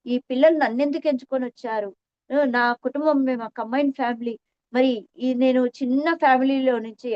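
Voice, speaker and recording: In this meditation testimony, a middle-aged woman reflects earnestly for her listeners and repeats phrases to drive them home. Her high, slightly mellow voice has no room sound, in a dull, dry, lo-fi recording.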